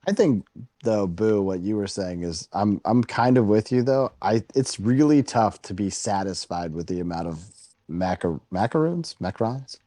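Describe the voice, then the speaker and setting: A man's voice: fairly low pitch, normal speed, dark tone, no echo. A man hosting a casual podcast chat, teasing his co-hosts bluntly and swearing now and then.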